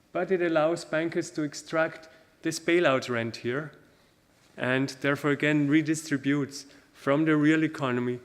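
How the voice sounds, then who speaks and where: A man giving an academic conference talk, explaining a graph point by point in a steady way. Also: mid-range voice. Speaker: conference speaker. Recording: long reverb in a lecture hall.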